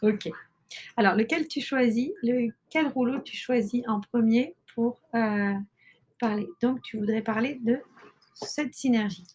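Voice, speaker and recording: A woman's voice: fairly high pitch, unhurried, a little mellow, slight background noise. A woman, hosting and explaining casually to listeners with frequent hesitations and fillers. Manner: hesitant, many fillers and restarts. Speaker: podcast host and mother.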